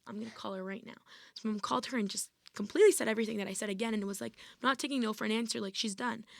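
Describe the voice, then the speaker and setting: This varsity athlete in her twenties is a podcast guest telling stories in a relaxed way, peppered with "like" and "I was like." She speaks at a medium pitch with a gravelly texture. The sound is clean studio audio with no echo.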